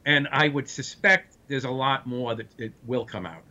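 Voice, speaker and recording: A man's voice: medium pitch, moderate pace, pushed and bright, lo-fi sound. A man from Brooklyn with a Brooklyn accent gives blunt, straight-shooting political commentary as an interview guest. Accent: Brooklyn, New York. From Brooklyn, New York.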